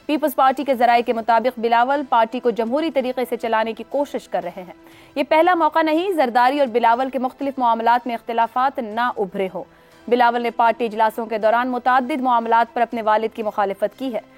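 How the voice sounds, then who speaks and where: A woman anchoring a television talk show, measured and formal as she moderates guests and reads news items. Her voice sits high for a woman. Faint music plays underneath. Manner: measured, formal, agreeing interjections. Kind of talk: news talk show hosting and read bulletin.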